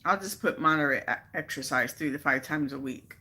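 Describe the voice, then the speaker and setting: A woman's voice: sits low, fairly quick, sharp tone, breathy edge. A woman hosting a casual live stream, chatting with viewers and growing exasperated as she repeats her questions. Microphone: phone.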